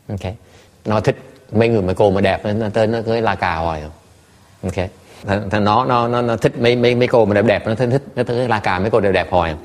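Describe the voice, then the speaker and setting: A man, a Buddhist monk teacher, telling stories to listeners in an animated, laughing way with many stammered repeats. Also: fairly low pitch. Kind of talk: storytelling talk to listeners.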